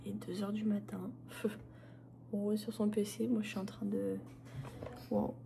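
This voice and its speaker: A woman's voice: medium pitch, flat delivery, measured pace, vocal fry, dark tone, soft background music. A young mother chatting casually to camera in a family vlog, with a sore throat as she comes down with a cold. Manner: chatty, talks to her baby and pets in a sing-song voice. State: sore throat, falling ill. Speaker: vlogging mother.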